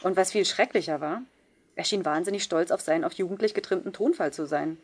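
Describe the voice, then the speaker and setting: A woman reading a first-person novel aloud in a measured, subdued way. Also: lowish voice, husky. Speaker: audiobook reader. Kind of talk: scripted first-person narration.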